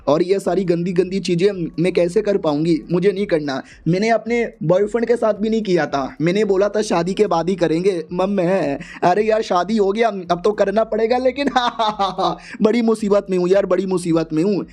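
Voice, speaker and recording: A man's voice: sits high, a little mellow, lightly acted. A man voicing a shy, flustered young bride who rambles nervously and mocks herself. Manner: nervous, self-mocking, rambling.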